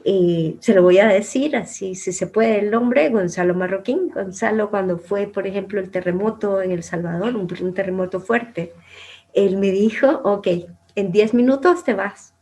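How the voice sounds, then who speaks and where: A former producer and journalist, now a middle-aged interview guest, shares her life story in a mid-range voice at a moderate pace. She sounds reflective and conversational, with gentle laughs and phrases that sometimes trail off into quiet.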